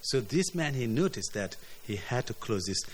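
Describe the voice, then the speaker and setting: Guy giving a sermon, earnest, stumbles and repeats words, mid pitch. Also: very animated, normal speed, breathy edge. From South Sudan. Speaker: preacher.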